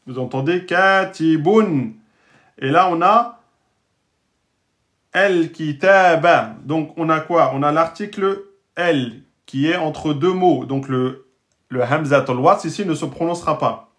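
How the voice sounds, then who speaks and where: A man's voice: a little high, fairly bright tone. A man teaching the Arabic alphabet and Quran reading rules, patiently sounding out words and checking in with his learners. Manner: patient, checks in often with "d'accord?" and "hein?"; sounds out Arabic words slowly and repeats them. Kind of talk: explanatory lesson to French-speaking learners.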